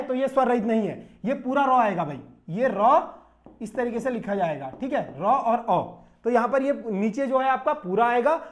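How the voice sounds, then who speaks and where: A man runs an exam coaching lesson on grammar in a relaxed, talky way. He keeps asking his students questions and answers them himself, and he stretches syllables slowly as he splits up words. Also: very high voice. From Uttarakhand, India. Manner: conversational, repeats questions, says "bhai", stretches out syllables. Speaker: teacher.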